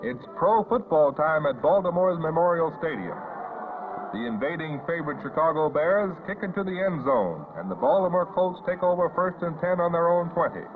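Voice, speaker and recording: 1950s newsreel narrator, tinny vintage sound. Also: male voice, a little high, animated, normal speed. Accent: American. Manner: scripted, announcer-like delivery. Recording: muffled vintage newsreel audio, phone-like band. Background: loud background music.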